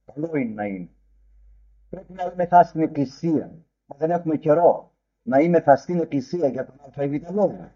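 A man preaching a sermon in old-fashioned, formal phrasing. He speaks with emphasis and his voice rises sharply when he quotes. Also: fairly high pitch. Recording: dull lo-fi recording.

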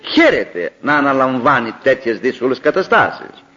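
An older man from Greece, a preacher telling a story in a sermon, acting out the dialogue with animated delivery. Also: mid-range voice. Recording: dull lo-fi old recording.

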